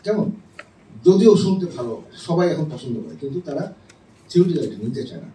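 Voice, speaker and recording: A man's voice: a little high, big pitch swings, fast, mellow. A middle-aged man, a professor, giving an explanatory classroom lecture on music theory and checking in with his listeners often. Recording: roomy and distant with faint noise.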